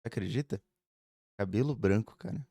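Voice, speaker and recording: In a clean, echo-free studio recording, a man in his early twenties vlogs from a room at home. His fairly low, gravelly voice has a dark tone and runs a little fast as he rambles casually, full of fillers and tag questions.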